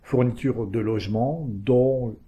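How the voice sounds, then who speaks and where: Speaking slowly in a warm, mid-range voice, a man answers interview questions as the manager of a community organization. He sounds hesitant, with lots of fillers, restarts and tag words, often ending phrases with "hein." The audio is dull.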